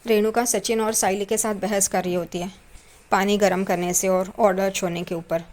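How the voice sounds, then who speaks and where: A woman's voice: mid-range voice, steady tone, moderate pace, darkish tone. Woman retelling a TV serial episode. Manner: retells scenes step by step, tagging quotes with a trailing "karke". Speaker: serial recap narrator.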